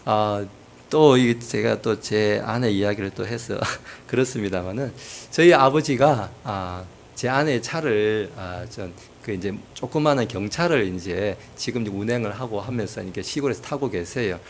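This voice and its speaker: A man's voice: lowish voice, normal speed, a little hiss or hum. A man preaching a sermon as pastor, telling humorous family stories with acted quotes.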